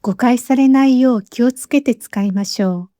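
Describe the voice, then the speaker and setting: A woman teacher giving a scripted lesson, speaking slowly and carefully with clearly spaced phrases, recorded as a voice-over. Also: fairly high pitch, dark tone, no room sound, studio quality. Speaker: Japanese teacher.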